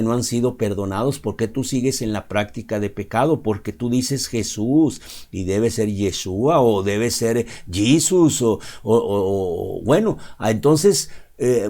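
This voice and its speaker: Warm and medium in pitch, this Mexican preacher's voice carries an off-the-cuff sermon. He talks casually, keeps asking "¿verdad?" to engage his listeners, and fills pauses with "este."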